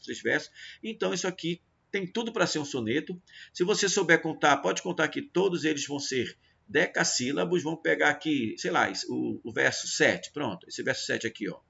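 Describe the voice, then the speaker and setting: A man gives a literature review lesson with a gravelly, creaky voice. He speaks directly to his students and slows down to count syllables one by one. The recording is dull and lo-fi. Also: medium pitch, pushed and bright. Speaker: teacher. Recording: dull lo-fi audio.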